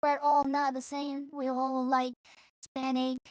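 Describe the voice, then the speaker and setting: Heard up close in a dry recording, a streamer from El Salvador rambles in English through an informal vlog. Her voice is high and flat and her pace slow, and she's blunt and profane, often halting and restarting what she's saying.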